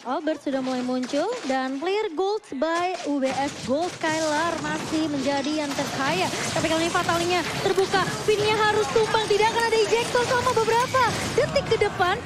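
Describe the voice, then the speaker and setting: A female esports commentator with an Indonesian accent and a very high voice. She follows the live game and breaks down the plays as they come. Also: normal speed, few pauses, very noisy.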